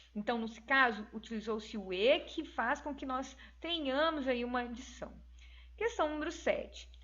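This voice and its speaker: A woman's voice: fairly high pitch, fairly bright tone, highs cut off. A Brazilian Portuguese-speaking woman teacher walking through exercise answers in a recorded lesson, explaining step by step and checking in with tag questions.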